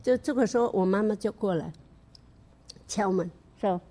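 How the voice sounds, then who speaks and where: Older woman, earnest halting testimony. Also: mid-range voice, dark tone. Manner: earnest, halting, with many restarts and fillers. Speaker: church member giving testimony. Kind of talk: personal faith testimony, spoken storytelling.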